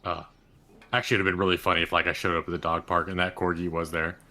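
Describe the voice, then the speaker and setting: A man's voice: sits low, very fast, a loud crowd. A man playing a tabletop game, joking and laughing as he chats. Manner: animated, joking, laughing a lot. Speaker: player. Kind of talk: casual chat during a tabletop game.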